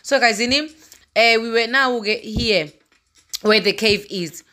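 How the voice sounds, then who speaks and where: This casual travel vlog follows a woman who walks outside and into a cave while holding her phone, rambling, chatting, and laughing at her own jokes. She speaks a little slowly, in a fairly high, bright, pushed voice.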